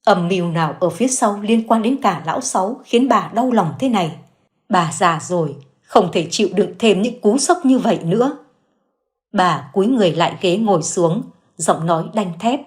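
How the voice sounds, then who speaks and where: A woman narrating a dramatic audio story in a steady, dramatic storytelling voice. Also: medium pitch, normal speed.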